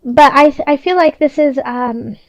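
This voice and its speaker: In a high-pitched voice at a measured pace, a woman offers an improvised tarot reading that feels casual and conversational. She keeps restarting her thoughts but stays encouraging and reassuring throughout. The audio is dull, with no room sound.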